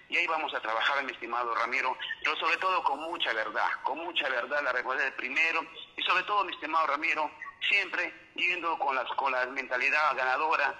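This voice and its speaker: Candidate on a bright radio line. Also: male voice, medium pitch, poor audio. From Peru. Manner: repeats a stock address to the interviewer. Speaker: local election candidate. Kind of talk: radio interview.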